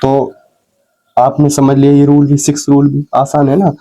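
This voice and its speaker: A man's voice: mid-range voice, monotone, moderate pace, warm tone, poor audio. A male teacher, patiently explaining grammar rules and checking in with his students again and again. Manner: repeats "ठीक है" to check understanding, asks and answers his own questions. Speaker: English teacher.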